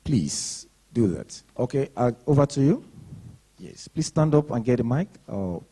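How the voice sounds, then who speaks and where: A man chairing the question session of a public lecture, brisk and polite, with frequent short acknowledgements. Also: mid-range voice, very animated, warm tone, breathy edge, poor audio. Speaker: moderator.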